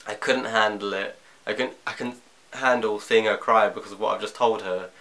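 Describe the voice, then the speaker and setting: A young man telling a personal story in a confessional vlog from his bedroom at home, in a halting, reflective way. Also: lowish voice, fairly even intonation, pushed and bright. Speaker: vlogger.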